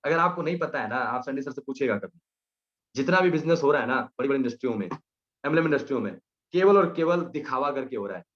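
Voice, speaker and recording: A man's voice: medium pitch, animated, quick pace. A young man giving an emphatic motivational speech to his team, hammering home the same punchlines again and again. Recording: slightly muffled lo-fi recording.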